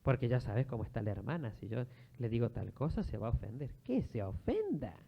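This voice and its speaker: An Argentine man preaching as a priest, with a voice of middling pitch. He moves from storytelling into firm, emphatic exhortation. The recording is dull and lo-fi. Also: fast talker, vocal fry. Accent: Argentine Spanish. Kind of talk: sermon. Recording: muffled lo-fi recording.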